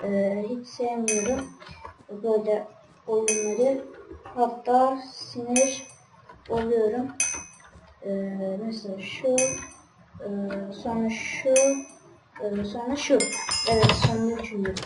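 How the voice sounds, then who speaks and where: Woman, high voice, gaming commentary, frustrated grumbling, roomy echo, far from the mic, noisy background. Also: steady tone, takes it slowly, long pauses. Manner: grumbling, easily frustrated, talks straight to viewers. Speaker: gaming channel host. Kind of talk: casual let's-play commentary.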